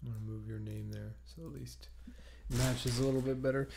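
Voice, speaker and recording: Mellow young man, faint background hiss. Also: medium pitch, steady tone, brisk, vocal fry. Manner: joking, reading out chat comments. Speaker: livestream co-host. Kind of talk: casual chat.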